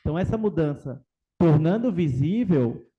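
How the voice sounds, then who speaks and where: A man's voice: a little high, animated, moderate pace, dull audio. A man with a Brazilian Portuguese accent adding a casual, conversational comment during a talk. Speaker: audience member adding a comment.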